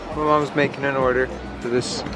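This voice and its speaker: A man's voice: mid-range voice, little pitch movement, fairly quick. A young man joking his way through a casual travel vlog outdoors, filmed on a handheld camera at arm's length. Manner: joking, playful narration to camera. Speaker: vlogger. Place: outdoors on forest trails and a harbor. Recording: music under the voice.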